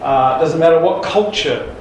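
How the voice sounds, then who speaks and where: A man's voice: on the high side, measured pace, darkish tone, slight background noise. A man preacher delivering a sermon with jokes, folksy and emphatic, with restarts. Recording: echoey church hall from far off.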